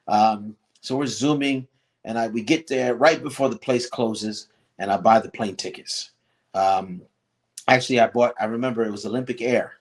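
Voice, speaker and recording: Middle-aged man telling a rambling story. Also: fairly low pitch. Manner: rambling, many restarts and fillers, animated when quoting others. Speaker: guest. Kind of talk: storytelling in a casual interview.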